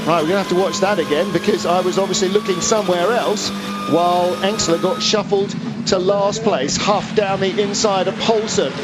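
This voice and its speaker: A man commentates live on motor racing in a high-pitched voice. He gives a running play-by-play, posing questions and correcting himself as he goes. Loud car and trackside noise sits behind him.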